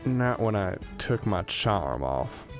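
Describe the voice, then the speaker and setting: Performing a grumpy, rueful old professor for a comic student radio drama, a man uses an exaggerated, very animated, lowish voice and speaks slowly. Faint music plays behind his plain, folksy, self-mocking grumbling.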